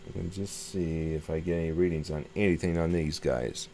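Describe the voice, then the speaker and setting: Showing a radio repair, a man with a very deep, mellow voice talks fairly quickly and with fairly even intonation. As a hobbyist host he's casual and unsure, thinking out loud and repeating himself a lot. Background noise is clearly audible.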